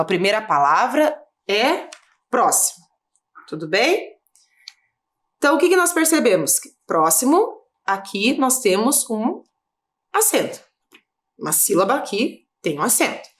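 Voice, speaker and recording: Brazilian female teacher, patient explainer, animated and fairly high. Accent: Brazilian Portuguese. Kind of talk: video lesson for children.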